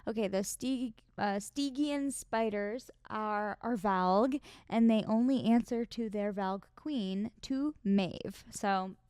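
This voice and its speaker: A young woman co-hosting a casual book-club podcast, eager and quick to agree. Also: medium pitch, a little mellow, clear, resonant tone, no room sound, studio quality. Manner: enthusiastic, quick agreement, laughing. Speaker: podcast co-host.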